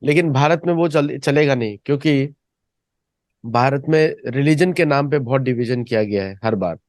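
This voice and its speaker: A man hosting a discussion, talking in a measured, hesitant way with fillers. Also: mid-range voice, darkish tone, no echo. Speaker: host.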